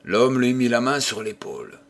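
A man narrating a classic novel as an audiobook, measured and dramatic. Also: mid-range voice, gravelly. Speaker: audiobook reader.

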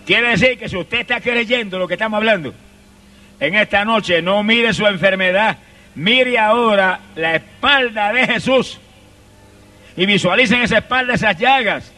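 A man with a Puerto Rican Spanish accent preaches a fiery revival sermon in a high, bright voice. He drives his points home with rhythmic repetition and bursts of shouted praise. The mic sits some distance off, so he sounds far away in a big room. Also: moderate pace. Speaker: evangelist preacher.

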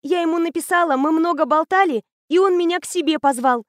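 A woman voicing an excitable fifteen-year-old girl who gushes about medicine in a rapid, eager chatter. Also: very high voice, dry recording, clean studio sound, pitched above the performer's own voice. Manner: rapid, gushing, breathless enthusiasm.

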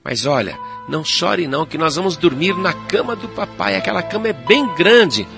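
A man's voice: high-pitched, lively intonation, normal speed, vocal fry. Man playing a brave young boy. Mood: soothing. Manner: soothing, reassuring. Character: brave twelve-year-old boy comforting his sister. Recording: loud music and rain behind.

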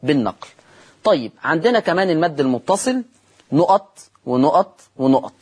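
A man with an Egyptian accent teaching a recitation lesson on television, asking questions and answering them himself and drawing out the example words slowly. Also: a little high, lively intonation, a little mellow, breathy edge. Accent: Egyptian Arabic.

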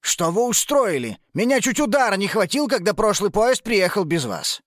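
A woman's voice: medium pitch, big pitch swings, normal speed, no echo, clean studio sound, lightly acted. A woman playing a fretful old grandpa. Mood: flustered. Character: fretful kindly grandfather, older man.

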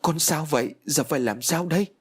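A man's voice: a little high, a little fast, breathy edge, voice pushed up. Man voicing an anxious old mother. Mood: panicked. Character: anxious older mother, panicky woman.

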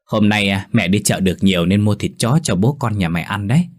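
A man's voice: lowish voice, a little fast, natural voice. A man voicing a bossy, short-tempered middle-aged village mother. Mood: coaxing.

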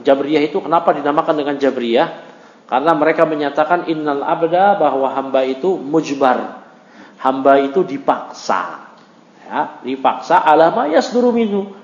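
A man teaching a religious study circle, reading Arabic text aloud and explaining it, questioning the class and acting out quick mock dialogues. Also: a little high. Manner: lively, reads Arabic then explains, acts out mock dialogues. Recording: echoey, dull lo-fi room recording.

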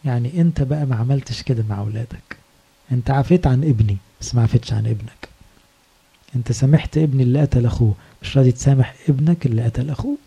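A man's voice: medium pitch, racing, vocal fry, warm tone, breathy edge. A man voicing a shrewd widowed village woman with an Egyptian accent who pleads her case persuasively. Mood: pleading. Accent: Egyptian Arabic.

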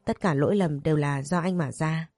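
A smooth, insinuating young schemer, as a woman reads him out in a storybook tale. The voice sits low and mellow, and it sounds dry and close. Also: brisk, no room sound, soft background music. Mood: pleading.

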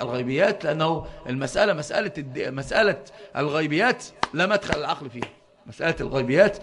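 This is a man with an Egyptian accent teaching a religious book, and his voice sits a little high for a man. He talks quickly and fervently. He often stumbles over repeated syllables as he reaches for the next word. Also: fairly bright tone. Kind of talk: explaining a religious book to students.

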